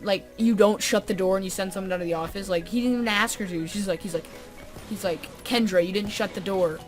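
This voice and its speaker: A young woman tells a story to her viewers in a loose, rambling way, dropping "um" and "like" into every other phrase. Her voice sits at an ordinary middle pitch. Her sarcasm comes out flat and dry, and faint music hums underneath. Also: quick pace. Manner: rambling, full of "um" and "like" fillers. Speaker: vlogger. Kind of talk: casual storytelling to camera.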